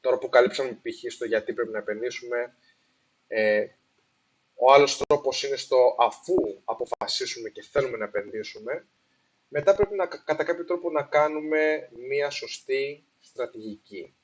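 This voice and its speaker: A man hosting a casual explainer on investing, slipping English phrases into his talk with many fillers and restarts, recorded with poor sound. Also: medium pitch. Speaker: investing video host. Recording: poor sound quality, apologized for.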